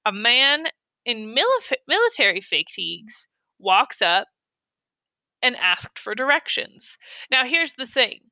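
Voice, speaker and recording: A woman's voice: on the high side, very animated, slow, bright, forceful tone, no room sound. A young woman hosting a podcast, telling a true-crime story in a casual way, full of ums and blunt offhand asides. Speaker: podcast host.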